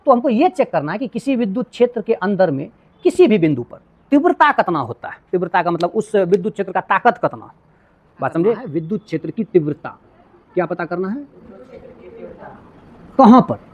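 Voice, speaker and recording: A man's voice: high voice, sing-song, fairly quick. A male physics teacher, lecturing a class. He keeps asking students whether they have understood and explains with homely everyday examples. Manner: asks repeated check questions to students.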